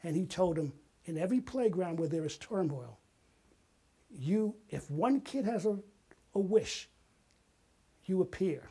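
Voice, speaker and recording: With a high-pitched, dark and slightly rough voice, an older man speaks in an animated yet unhurried way, pausing often. He's a retired artist and playwright giving an interview, telling personal stories dramatically and emphatically while acting out quotes.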